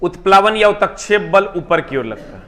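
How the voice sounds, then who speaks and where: Brief: male teacher, high bright voice, joking live lecture, faint hiss. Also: big pitch swings, fairly quick. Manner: chatty, teasing, rhetorical questions to students. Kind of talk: live online classroom lecture.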